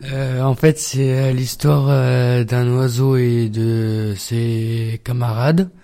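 Hesitant guy student retelling a story slow, lots of ums, dark voice. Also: medium pitch, flat delivery, creaky. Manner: hesitant, many fillers.

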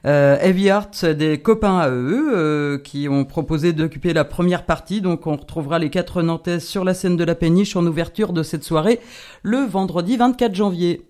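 A woman with a fairly low, darkish voice and moderate pace announces upcoming concerts on the radio. She's there as a guest concert programmer, keeping the chat playful, casual and full of hesitant fillers.

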